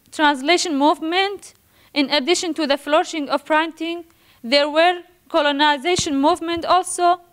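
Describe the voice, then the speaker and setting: A young adult woman from Iraq gives a student presentation in a high, slightly bright voice. Nervous, she reads carefully in a formal academic style, halting often and restarting words she trips over.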